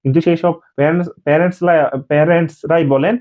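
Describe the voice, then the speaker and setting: A man teaching parents in an unscripted spoken lesson, pausing often with fillers and restarts. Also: a little high, steady tone. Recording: dull lo-fi audio.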